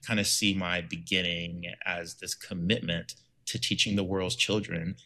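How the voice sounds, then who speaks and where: A man in his forties from Liberia, an educator telling his story in an earnest, reflective way, pausing with frequent ums. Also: low-pitched, steady tone, bright, forceful tone. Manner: thoughtful, many ums, earnest. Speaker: educator and author, podcast guest.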